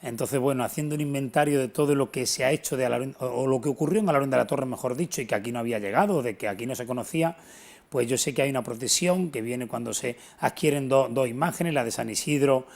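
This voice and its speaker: The middle-aged historian from Antequera, southern Spain, speaks at medium pitch and a quick pace, his voice creaky and slightly mellow. He answers earnestly and emphatically, explaining as he goes, in an unscripted television interview.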